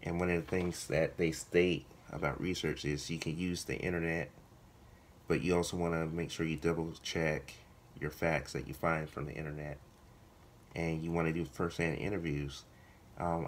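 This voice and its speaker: A man with a hoarse voice that is giving out, talking casually to viewers as a vlogger, halting and correcting himself as he thinks aloud. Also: very deep voice, slight background noise. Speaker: video blogger, writer. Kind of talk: casual vlog talk to viewers.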